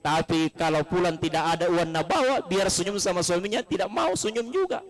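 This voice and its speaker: A man preaching a humorous sermon at a condolence gathering. He tells jokes and stories, acts out the quotes and leaps up in pitch for emphasis. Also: brisk. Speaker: Islamic preacher. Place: live gathering in a home, broadcast on radio.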